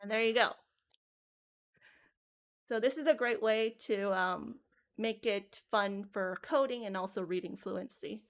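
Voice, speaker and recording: A woman's voice: mid-range voice, unhurried, long pauses. Woman thinking aloud in a coding demo. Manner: casual, thinking aloud with restarts. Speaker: teacher trainer. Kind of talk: live coding workshop demo.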